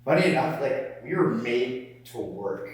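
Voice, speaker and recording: A man's voice: medium pitch, lively intonation. A young man co-hosting a podcast, chatting casually and teasing his friends. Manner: joking, quick to tease. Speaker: podcast co-host. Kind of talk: casual chat. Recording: echoey room, far from the mic, faint hum.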